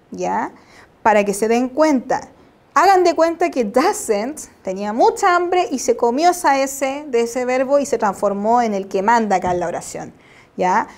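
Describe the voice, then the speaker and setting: A woman's voice: on the high side, darkish tone. A woman teaching an English lesson, patiently checking understanding and spelling out examples before translating them. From Chile. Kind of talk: slide-based classroom lesson.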